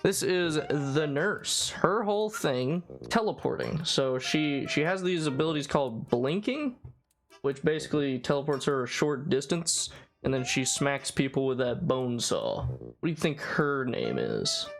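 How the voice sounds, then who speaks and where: A man's voice: on the high side, sing-song, a little slow, creaky. Rambling young man laughing as he explains. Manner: rambling, stumbles and repeats words, laughs often. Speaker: YouTuber hosting a guessing game. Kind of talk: casual chat. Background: background music.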